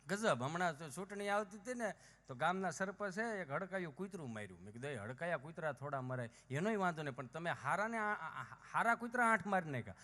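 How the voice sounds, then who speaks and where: A man's voice: sits high, very animated, quick pace, sharp tone. A man performing live folk stand-up, acting out village characters with shifting voices. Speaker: folk comedian on stage. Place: outdoor or hall folk stage. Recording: live stage with long hall reverb.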